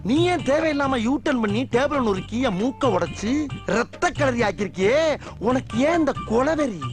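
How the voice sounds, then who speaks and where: A pompous, bumbling head constable in a film comedy, high-pitched and swooping all over the place. He whines and lectures theatrically. A film score plays behind him. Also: lively intonation, normal speed, soft background music. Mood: bossy. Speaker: comic film actor.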